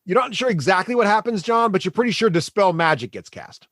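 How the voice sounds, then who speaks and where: Guy dm-ing a tabletop game, very expressive, thinks out loud as he narrates, dry sound. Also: high-pitched, no room sound. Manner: halting, thinking aloud while narrating. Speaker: game master.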